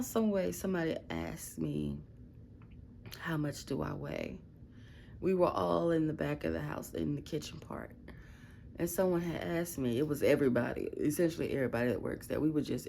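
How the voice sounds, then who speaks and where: Gravelly and warm, with a deep voice, a woman rambles through blunt, profane stories in a casual late-night vlog from her bedroom. She sounds groggy, like she just woke up, and has a Midwestern American accent; slight background noise is audible.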